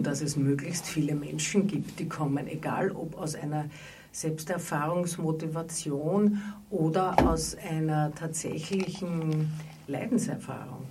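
A woman's voice: low-pitched, mellow. A middle-aged woman psychotherapist, speaking thoughtfully and hesitantly, with many fillers, in a radio interview. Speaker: psychotherapist in private practice. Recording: distant mic with faint background noise.

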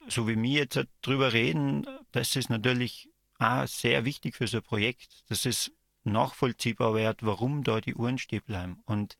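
A man answering interview questions in a thoughtful, halting way, searching for his words. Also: mid-range voice, gravelly, fairly bright tone, no echo. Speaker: interview guest, artist. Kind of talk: reflective interview talk.

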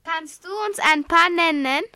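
A young girl reads her lines on a school radio show in a high, bright voice. Her pace is slow and careful. The sound is dry and close. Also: steady tone, no room sound. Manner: slow, careful read-aloud. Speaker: student radio participant. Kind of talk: reading a school radio script.

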